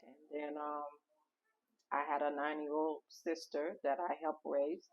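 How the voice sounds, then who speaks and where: A woman from Haiti, a memoir author, telling her story in a casual interview with reflective pauses and fillers. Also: low-pitched, little pitch movement. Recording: dull lo-fi recording.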